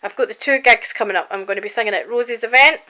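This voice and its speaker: Fast, pushed, and bright, a slightly high-voiced woman talks to her phone camera in a casual video diary. She's a college student and singer-songwriter, speaking in a heartfelt, rambling way with frequent ums and restarts.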